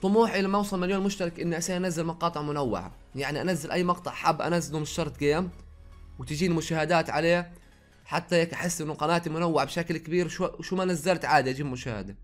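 A man's voice: fairly high pitch, soft background music. A young man with a Jordanian accent mixed with some Saudi words, chatting in a casual Q&A vlog from his own room, reading out viewers' questions and answering them. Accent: Jordanian Arabic with some Saudi words. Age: young adult. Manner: rapid, chatty, reads viewer questions aloud then answers. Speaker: YouTuber.

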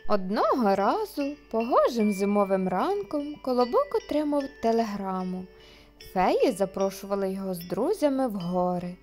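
A woman narrating a children's audio tale in a lively, expressive way. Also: mid-range voice, moderate pace, faint music behind. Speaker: storyteller.

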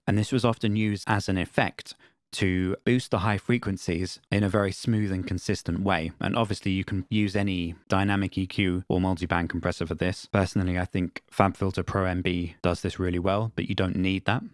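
Deep-voiced guy walking through a mixing tutorial, dry close sound, methodical. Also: no room sound. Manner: plain, methodical explaining with repeated test phrases. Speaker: audio engineering tutor. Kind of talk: screen-recorded software tutorial.

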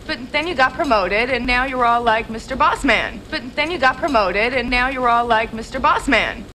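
A woman's voice: high voice, sharp tone, a little hiss or hum, poor audio. An actress playing a blunt, quirky young woman speaking matter-of-factly, in a sitcom. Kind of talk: sitcom acting.

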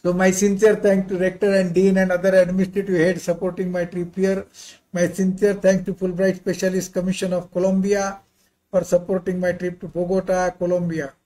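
An older man, a visiting pharmacy professor and associate dean, delivers a slide lecture over a video call in non-native-sounding English. His voice sits high with a dark tone and a completely flat delivery, a little fast. He is courteous and prone to informal, rambling asides.

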